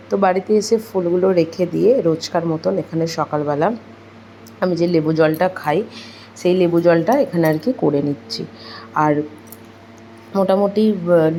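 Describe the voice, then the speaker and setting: A woman's voice: low-pitched, darkish tone, slight background noise, poor audio. A young woman with a Bengali accent, narrating her daily homemaking vlog in a chatty, rambling way full of fillers. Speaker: homemaker vlogger.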